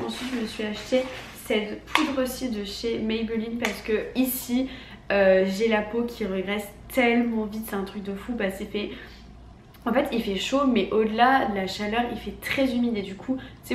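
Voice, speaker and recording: A young woman with a honking, stuffed-up nasal voice speaks with an accent from France. She chats informally and emphatically, like a beauty vlogger, in an echoey room with faint background noise. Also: mid-range voice. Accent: French from France. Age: young adult. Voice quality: honking, duck-like nasal voice from congestion. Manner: informal, filler-heavy, emphatic. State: congested, sick with a cold. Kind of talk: casual chatty product haul.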